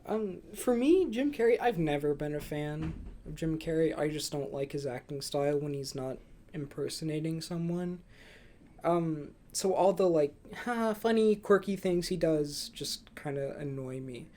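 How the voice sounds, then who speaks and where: A young man hosts a podcast and chats casually about films in an informal, conversational style. His voice is a little high and mellow at a normal speed, with clear background room noise in the recording.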